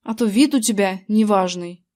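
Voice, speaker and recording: A woman's voice: mid-range voice, moderate pace, darkish tone, natural voice. A woman reading aloud, voicing a worried young boy asking questions, close to her own voice. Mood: concerned. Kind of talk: audiobook character reading.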